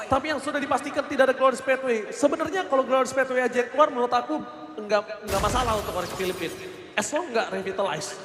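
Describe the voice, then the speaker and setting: An Indonesian man giving emphatic, dramatic live play-by-play commentary on a mobile game match. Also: very high voice. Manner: emphatic, dramatic delivery with drawn-out calls. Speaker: esports commentator. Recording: echoey hall, loud music behind. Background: music.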